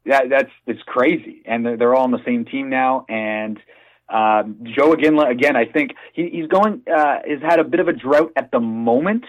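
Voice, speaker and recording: A man's voice: mid-range voice, moderate pace, highs cut off. A man, a hockey team's PR director, talking eagerly in a radio interview. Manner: enthusiastic, talks in bursts with fillers. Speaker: hockey team PR director and play-by-play announcer.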